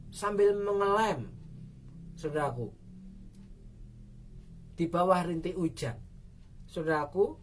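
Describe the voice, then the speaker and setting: A woman pastor, telling a story in a devotional sermon and calling out her prayers to the congregation. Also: on the low side. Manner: storytelling with frequent "saudaraku" address, cries out prayers.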